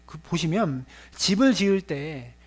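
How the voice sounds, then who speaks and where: A man preaching a Sunday sermon in a high, animated voice. His pitch swings widely as he acts out a master scolding his servants. A faint mains hum sits under the recording. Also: measured pace, slightly rough. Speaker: pastor.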